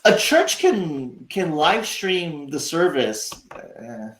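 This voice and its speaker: A man's voice: a little high, wildly swooping pitch, extremely slow, a bit bright, roomy sound, rough recording. A man hosting a livestream, rambling and sarcastic, swearing freely as he talks casually to his chat. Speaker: livestream host.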